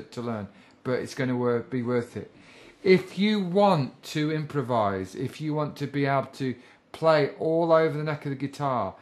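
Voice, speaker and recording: Chatty man teaching guitar theory. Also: medium pitch. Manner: chatty, self-deprecating, encouraging. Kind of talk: casual spoken music lesson.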